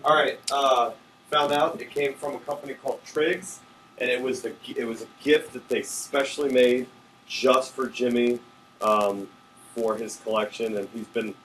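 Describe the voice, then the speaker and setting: A crew member chatting casually backstage, passing on an answer in a relaxed, laid-back way. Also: male voice, mid-range voice, normal speed, a little hiss or hum, poor audio.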